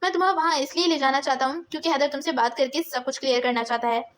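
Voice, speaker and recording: A man's voice: very high-pitched, fairly even intonation, very fast, a bit bright, slight background noise. A woman voicing a stubborn, protective young man in an audiobook, firm and pleading by turns. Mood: stern.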